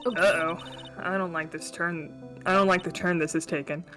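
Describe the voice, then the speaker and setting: A woman's voice: fairly low pitch, fairly even intonation, moderate pace, bright, forceful tone, soft background music. A woman chatting casually and jokingly during a game read-along, playful and amused at herself. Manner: playful, self-amused banter.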